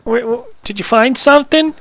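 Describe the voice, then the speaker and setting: A man talking through a high-pitched squirrel voice changer on a gaming headset, calling out questions to other players in voice chat. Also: normal speed, fairly bright tone, no echo. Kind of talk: in-game voice chat with strangers.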